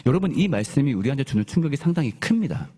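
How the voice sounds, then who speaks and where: Lively husky-voiced male preacher. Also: medium pitch, very fast. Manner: questions the congregation and leads group Bible reading; conversational, animated storytelling. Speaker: pastor. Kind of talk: sermon.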